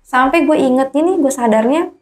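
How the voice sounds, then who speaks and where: High-voiced woman telling a spooky story. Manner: animated, quoting others in quick dialogue. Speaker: guest storyteller. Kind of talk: casual storytelling of a true horror experience.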